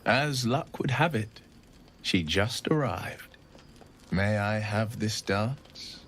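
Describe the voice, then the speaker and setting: A man's voice: lowish voice, expressive, takes it slowly, a bit bright, a little hiss or hum. A man playing a courtly, poetic suitor in a video game, speaking in a gallant, formal and flowery way. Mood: flirtatious. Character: courtly romantic gentleman, gently poetic suitor. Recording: background music behind the voice. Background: clear music.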